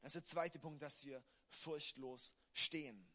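A man preaching with a high, bright voice. He is emphatic, dropping low and quiet and then rising loud and urgent as he drives a point home. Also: a little slow. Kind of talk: sermon.

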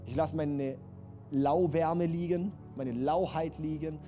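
A man's voice: fairly high pitch, steady tone, slow, mellow, faint music behind. A man preaching a sermon, passionate and building to emphatic, repeated calls. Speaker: pastor.

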